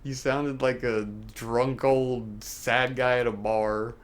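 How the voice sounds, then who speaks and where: A man's voice: medium pitch, little pitch movement, slow, clear, resonant tone. A middle-aged man streaming a video game, chatting casually and joking, cursing at the game now and then. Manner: laid-back, joking, swearing at the game. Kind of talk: casual gaming stream chat.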